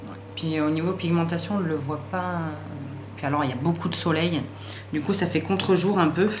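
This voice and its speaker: A woman doing a casual makeup haul video, talking in slangy, excitable bursts and swearing freely as she tests colours and trips over English names. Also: deep voice, a little fast. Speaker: beauty vlogger. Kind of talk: casual haul review with swatches. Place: sunny room at home. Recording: roomy echo, faint background hiss.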